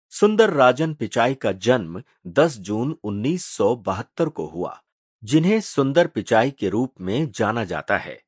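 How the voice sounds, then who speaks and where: Slow expressive male audiobook narrator. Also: medium pitch, no echo, studio quality. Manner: measured, expressive storytelling.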